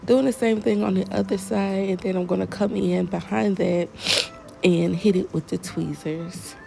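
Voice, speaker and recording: A woman with a Southern American accent, congested from allergies, talking viewers through her waxing work in a relaxed, folksy voice-over. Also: mid-range voice, moderate pace, gravelly, music in the background. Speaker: esthetician. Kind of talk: tutorial voice-over.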